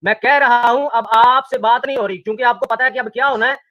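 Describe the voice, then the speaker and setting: A man with a strikingly high, bright voice fires off his points at a quick clip in a heated live-stream debate. He presses his questions insistently, and the sound is close and dry. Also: fairly even intonation, no room sound, lo-fi sound. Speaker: debate guest challenging the hosts.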